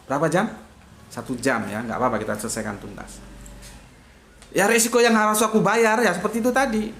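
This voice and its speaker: A man's voice: sits high, a little fast, gravelly, fairly bright tone, a little hiss or hum. A man hosting a casual online religious talk, reading viewer comments with joking, teasing asides and frequent chuckles. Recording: echoey room.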